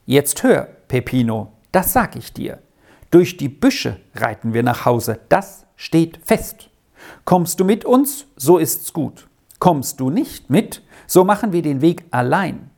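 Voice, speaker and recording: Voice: medium pitch, sing-song, slow pace, creaky, a little mellow, pitched above the performer's own voice, exaggerated voice. A reader voicing an insistent, well-off lady traveler who scolds and commands in an audiobook story. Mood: annoyed. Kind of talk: audiobook reading.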